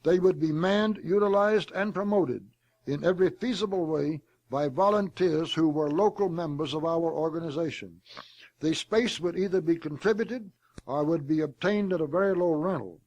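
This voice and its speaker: A man delivering a formal prepared speech in a deliberate, oratorical manner, reading it aloud and even saying the quotation marks. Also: a little high, highs cut off. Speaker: speaker delivering a prepared address.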